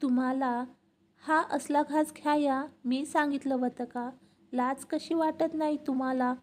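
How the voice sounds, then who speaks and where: A woman's voice: high voice, steady tone, unhurried. Woman voicing a hot-tempered young village man. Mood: angry. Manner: shouting, scolding rural speech.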